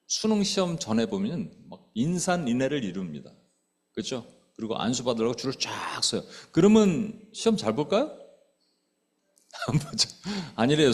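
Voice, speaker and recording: Middle-aged male pastor, lively sermon delivery, chatty questions to the pews, bursts into acted-out shouts. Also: mid-range voice. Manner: conversational, asks the congregation questions; acts out quoted speech with sudden loud outbursts. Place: church sanctuary.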